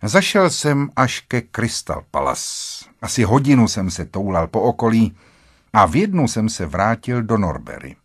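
A man narrating a classic story in the first person with a dramatic, expressive reading. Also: lowish voice, husky, no echo, clean studio sound. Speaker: audiobook narrator.

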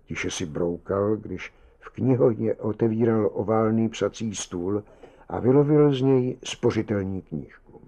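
A man narrating a story as an audiobook in a measured, dramatic way. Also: on the low side, gravelly, mellow. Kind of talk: audiobook reading.

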